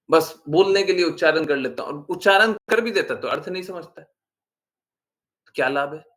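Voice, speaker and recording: A man leads an informal devotional talk. He is animated and scolds his listeners, firing rhetorical questions at them as a spiritual teacher. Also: on the high side.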